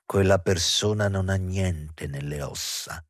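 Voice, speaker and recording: A man voicing a coarse, mocking woman who blackmails, speaking low and hoarse. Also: slow, no room sound, clean studio sound. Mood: scornful. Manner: scornful and threatening.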